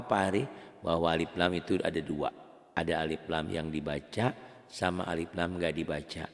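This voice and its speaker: A man teaching Quran recitation in a casual, patient way, stretching the example words into slow chanted recitation. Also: low-pitched, in a large hall. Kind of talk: casual spoken tajwid lesson.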